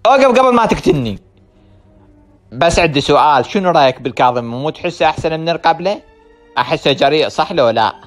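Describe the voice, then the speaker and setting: A man's voice: fairly high pitch, fast, faint music behind. A man with an Iraqi Arabic accent doing teasing, colloquial comedy banter.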